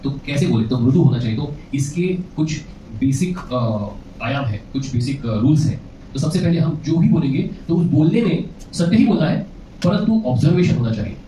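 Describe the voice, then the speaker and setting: A man's voice: fairly high pitch, animated, normal speed, warm tone, recorded from a distance, a little hiss or hum. A male relationship coach giving a seminar lecture, quizzing the audience and often chuckling. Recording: echoey, muffled hall recording from afar.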